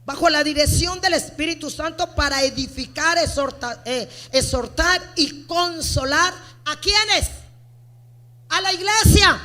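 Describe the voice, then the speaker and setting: A woman pastor preaching a sermon, swinging between loud, emphatic outbursts and quiet asides, repeating phrases and asking the congregation rhetorical questions. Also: high voice, a little slow.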